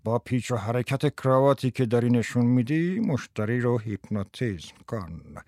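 A man voicing a brash older male tie salesman who lectures a shy boy on selling with quick, lively banter in an audiobook. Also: medium pitch, no echo, studio quality, natural voice. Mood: coaching. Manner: lively, fast coaching banter. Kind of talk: audiobook character voice.

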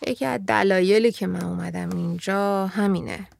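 A woman voicing a weary grown man who talks in a dry, mildly patronizing way, with a gravelly tone in a dry room. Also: mid-range voice, steady tone, darkish tone, dry recording. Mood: wry. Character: weary grown man, older than the girl.

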